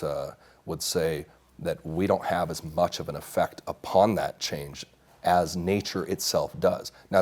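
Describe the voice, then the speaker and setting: On a small TV studio set, a congressional candidate gives earnest, assertive interview answers, often breaking off to restart a sentence. He is a man in his thirties raised in Mexico, and his voice is low-pitched and a little mellow.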